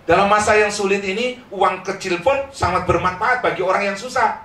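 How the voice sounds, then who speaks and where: Middle-aged guy preaching in church, kinda high voice, jokey and lively, mic far off, echoey hall. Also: brisk. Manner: lively and joking, calls for amens. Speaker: pastor. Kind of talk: sermon.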